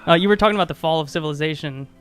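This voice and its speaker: A man's voice: fairly high pitch, very fast, fairly bright tone, faint music behind. A man co-hosting a podcast, chatting casually on a live stream and rambling with many fillers and restarts. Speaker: podcast co-host.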